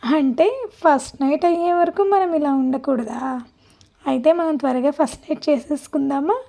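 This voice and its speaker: A woman voicing a loving young husband who talks softly and earnestly to his wife in an audio story. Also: high-pitched, moderate pace, vocal fry. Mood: tender.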